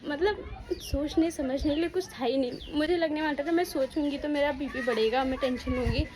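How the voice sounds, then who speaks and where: Tearful young woman vlogger, somewhat high. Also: moderate pace, noisy background. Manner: tearful storytelling, repeating herself. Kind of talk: emotional personal vlog.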